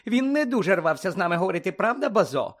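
A man's voice: high voice, very animated, voice pushed up. A man reading aloud voicing a sly, gossipy female reporter who chatters and mocks. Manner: quick chattering, mocking.

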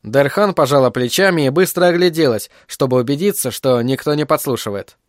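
A man narrating an audiobook in a steady, even storytelling manner. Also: mid-range voice, a little fast, dry recording, studio quality. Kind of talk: scripted narration.

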